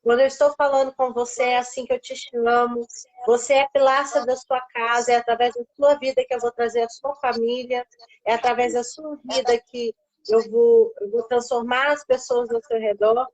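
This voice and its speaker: High-voiced Brazilian woman telling her story. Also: fairly even intonation, moderate pace, a little mellow, poor audio. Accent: Brazilian Portuguese. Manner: storytelling, acting out quoted voices. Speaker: guest on a live stream. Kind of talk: personal faith testimony.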